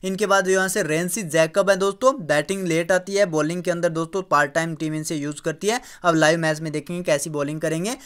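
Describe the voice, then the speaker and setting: A man's voice: on the high side, a little fast, hardly any pauses, fairly bright tone, clear, resonant tone. A man giving fantasy cricket team tips as a voice-over, listing player stats one after another and calling his listeners friends. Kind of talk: casual talk over screen recording.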